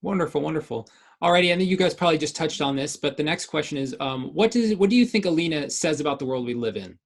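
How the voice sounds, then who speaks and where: Young student host, upbeat and casual, slightly raised pitch. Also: male voice, expressive, fast talker. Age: young adult. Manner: upbeat, repeats fillers like "awesome" and "alrighty". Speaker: interviewer, film student. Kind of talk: festival Q&A hosting.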